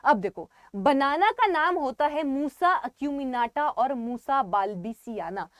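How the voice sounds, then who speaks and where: An Indian woman teaching an online exam-prep class in a rather high voice. She talks students through each item, saying things twice and pronouncing scientific names slowly and clearly. The recording is close and dry, with no room sound. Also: animated, dry recording. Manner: addresses students as "beta", repeats key points; reads scientific plant names aloud carefully.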